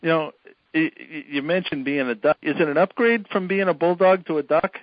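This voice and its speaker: A man hosts a casual podcast interview, chatty and quick to joke. The sound is dry and close, with a slightly dull top end. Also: a little high, no echo. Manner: chatty, joking, laughs often. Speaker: podcast host.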